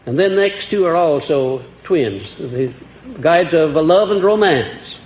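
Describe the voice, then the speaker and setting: A man's voice: on the high side, animated, unhurried, a little mellow. Older man lecturing on an old echoey recording. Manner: earnest, rambling with restarts and rhetorical questions. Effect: old archival recording. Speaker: lecturer answering audience questions. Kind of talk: earnest motivational lecture. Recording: echoey old hall recording with faint hiss.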